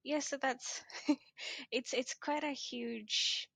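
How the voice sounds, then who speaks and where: A woman's voice: high voice, fairly even intonation, drawn-out words, vocal fry, fairly bright tone, slightly rough, no echo. A young woman from Kenya, a guest in an interview, talking casually with frequent hesitations. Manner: hesitant, many ums. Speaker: guest, social entrepreneur.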